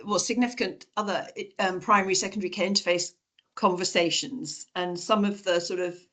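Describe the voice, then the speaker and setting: A woman's voice: lowish voice, steady tone, fairly quick, a bit bright. A woman hosting an informal online session, speaking hesitantly and searching for words. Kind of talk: informal online drop-in talk. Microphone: video call.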